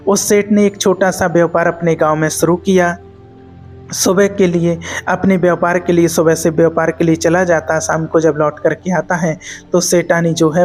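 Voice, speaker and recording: A male preacher tells a moral story in a measured, repetitive storytelling manner. His voice sits fairly high for a man. Soft background music plays faintly under his speech. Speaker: spiritual preacher. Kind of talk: spiritual storytelling discourse.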